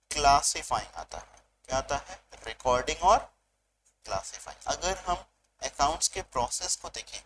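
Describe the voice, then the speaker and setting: A male commerce teacher giving a revision lecture, mixing Hindi and English, asking questions and answering them himself, and reading out definitions slowly. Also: fairly high pitch, noisy background. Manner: switches between Hindi and English mid-sentence. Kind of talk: online exam revision lecture.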